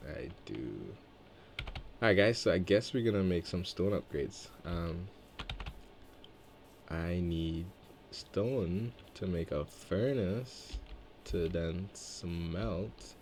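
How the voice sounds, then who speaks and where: A man's voice: deep voice, creaky, background noise. A man in his twenties from Trinidad and Tobago giving casual gameplay commentary, rambling and thinking aloud between chatty stories about himself. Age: 20s. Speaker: let's-play gamer.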